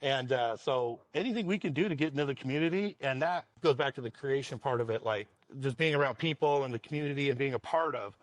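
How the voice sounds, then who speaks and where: He talks fast at a medium pitch, hardly pausing, with no echo. The speaker owns a roofing company in Washington state, USA, and answers interview questions in a relaxed, meandering style, repeating words and chuckling often.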